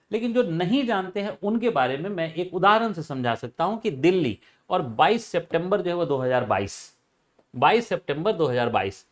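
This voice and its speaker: A man explaining a topic for a channel, halting and full of filler phrases and repeats. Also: fairly high pitch. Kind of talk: informal educational explanation.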